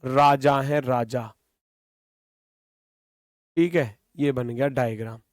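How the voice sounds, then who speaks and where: A man's voice: medium pitch, steady tone, slow pace, no room sound, clean studio sound. A man teaching a reasoning class online, explaining with lots of repetition and scolding students now and then.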